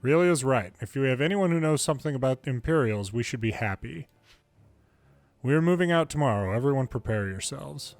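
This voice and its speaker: A fan reader with an animated, brisk, mid-range male voice reads video game story dialogue aloud in English, lightly acting out each character. There's no room sound.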